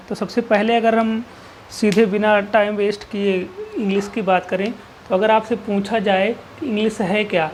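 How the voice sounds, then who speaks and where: In this exam-prep English grammar lesson, a woman with a mid-range, somewhat dark voice poses rhetorical questions and answers them herself. She repeats key terms and drills points with "ठीक है," and a faint hiss or hum sits under the classroom-style lecture.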